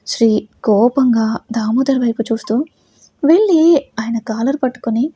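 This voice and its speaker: Lady reading a love story out loud, dark husky voice, dry close sound. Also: fairly high pitch, a little slow, no room sound. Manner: steady storytelling. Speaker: story narrator. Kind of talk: scripted narration of a romance story.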